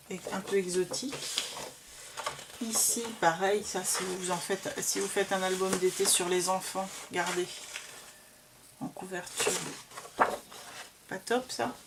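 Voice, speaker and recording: A woman walks through her scrapbooking papers at an unhurried pace, enthusiastic and full of fillers. The recording is noisy, with clicks in the background. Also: medium pitch. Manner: slow, chatty, enthusiastic with many fillers. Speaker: crafting vlogger. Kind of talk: casual show-and-tell of scrapbooking papers.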